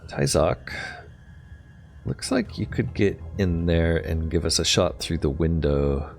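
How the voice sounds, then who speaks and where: A man's voice: low-pitched, slow, creaky, a little mellow, faint music behind. A man giving casual gameplay commentary, thinking aloud tentatively as he plays. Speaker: gamer narrating own play.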